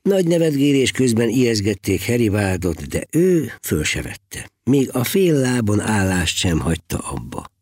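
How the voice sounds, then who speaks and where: A man reads a tale aloud with a husky, slightly rough voice and a pitch that rises and falls with plenty of life. The recording is dry and close, with no room sound. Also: no echo. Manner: expressive, dramatic reading. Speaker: narrator. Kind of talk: audiobook storytelling.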